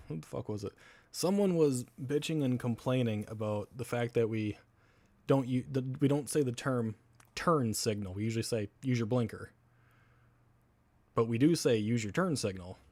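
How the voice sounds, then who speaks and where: A man's voice: mid-range voice, normal speed, a little mellow, no room sound. Laughing Wisconsin streamer man, dry sound. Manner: rambling, laughs often, swears casually. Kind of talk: casual live-stream chat.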